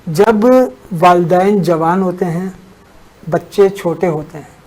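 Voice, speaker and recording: A man as a religious scholar on a talk show, explaining a teaching in a measured way and unfolding a story with pauses. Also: sits high, fairly even intonation, a little mellow, poor audio.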